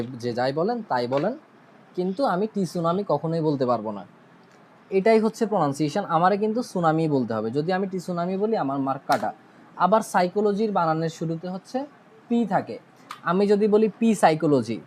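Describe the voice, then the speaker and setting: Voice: medium pitch, a little mellow, slight background noise, low-quality recording. A teacher with a Bangladeshi Bengali accent talks through IELTS speaking tips in a casual online lesson. The delivery is chatty, with frequent check-ins with the listeners, and English exam terms are dropped in along the way. The teacher sometimes stops mid-thought to correct an earlier point. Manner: mixes English terms into its explanations.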